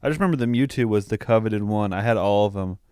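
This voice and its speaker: A young man co-hosts a podcast, casually reviewing films in slang-heavy, profane banter. His voice sits on the low side, a little mellow, clear and resonant, and he talks fast. The studio recording is clean with no room sound.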